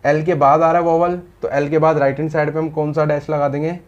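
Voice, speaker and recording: A man with a voice a bit above the usual pitch teaches shorthand outlines to his students. He goes through each word step by step and keeps stopping to check that they have understood. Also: flat delivery, brisk, lo-fi sound. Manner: explains patiently, often asks "samajh aaya?". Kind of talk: step-by-step lesson.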